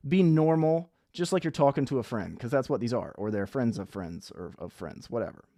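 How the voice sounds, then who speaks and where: A man gives a coaching talk straight to camera. His voice sits at an ordinary mid pitch and he sounds blunt and conversational. He acts out little sample dialogues, and the dry room adds no echo. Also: expressive, fairly quick, mellow. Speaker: online business coach.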